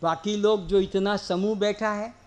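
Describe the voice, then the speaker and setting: A man giving a spiritual discourse to a seated audience, explaining slowly and asking them questions. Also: high voice, steady tone. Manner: leads slow drawn-out chanting. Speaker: spiritual teacher.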